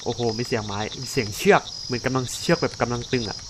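A man talks his way through a horror game, puzzling aloud and swearing casually when something startles him. His voice sits at an ordinary middle pitch. Insects and crickets chirp steadily behind him, with clear background noise. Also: fast talker. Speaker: gamer playing a horror game. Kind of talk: let's play commentary.

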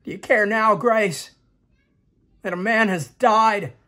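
A man's voice: high voice, slow, over music. An actor playing a jittery, paranoid man who stammers frantically while spying on his neighbor, in a comedy sketch. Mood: pleading.

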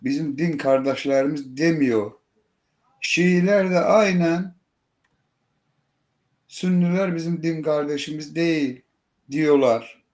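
A native Azerbaijani man debating in halting, broken Turkish with an Azerbaijani accent, often repeating himself. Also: a little high, darkish tone. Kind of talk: live debate. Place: online group call, camera off.

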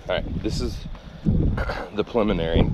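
Low-voiced teasing man outdoors. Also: normal speed, very noisy. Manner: teasing, joking. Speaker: travel vlogger. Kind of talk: casual chat. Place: outdoors on a hiking trail.

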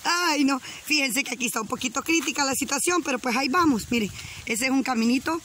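A woman's voice: sits high, a little fast, a bit bright. Giggly Honduran woman vlogging outdoors. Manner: giggly, teasing, chatty, laughs often. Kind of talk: casual walking vlog. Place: outdoors on a rural riverbank. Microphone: handheld camera while walking.

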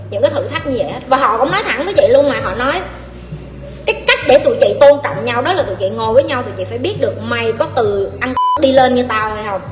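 A high-pitched woman with a Southern Vietnamese accent delivers blunt, scolding advice to her audience, talking straight at them with no softening. Her voice rings out in an echoey hall with a long tail, and a faint hiss of background noise sits underneath. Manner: blunt, forceful, scolding lecture with coarse address. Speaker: life coach answering audience questions. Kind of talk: livestream Q&A advice talk.

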